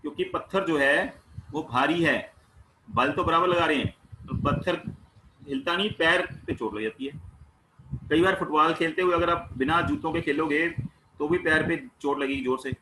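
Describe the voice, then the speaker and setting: Bright-voiced man teaching science. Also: fairly high pitch, normal speed, slight background noise, low-quality recording. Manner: asks questions and answers them himself; plain everyday explanations with household examples. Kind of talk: explaining a class 9 worksheet.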